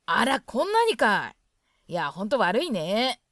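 A polite visiting guest speaking Hokkaido dialect , as a woman reads her part. She sounds grateful and apologetic, with a fairly high, lively voice. The recording is dry and close. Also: unhurried, no room sound, heavily acted.

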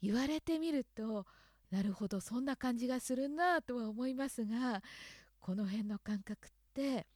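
A woman giving a polite, gently thoughtful spoken explanation as a voice performer taking requests. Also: fairly high pitch, normal speed, no room sound, studio quality.

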